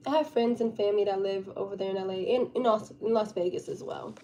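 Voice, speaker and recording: A woman's voice: mid-range voice, fast talker. A young woman live streamer chatting casually and informally with her viewers, with a giggly, chatty manner. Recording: steady background noise.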